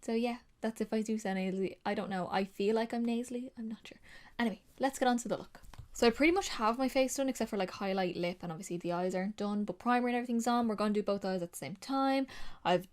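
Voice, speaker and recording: A beauty vlogger talks casually through a makeup tutorial in a fairly high-pitched voice at a quick pace. A sinus infection makes her sound slightly nasal, and she rambles with frequent ums and likes.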